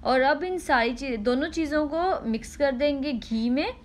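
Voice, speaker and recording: A cooking channel host with a high voice gives a step-by-step cooking demonstration. She is patient, repeats her instructions, and often pauses with "ah."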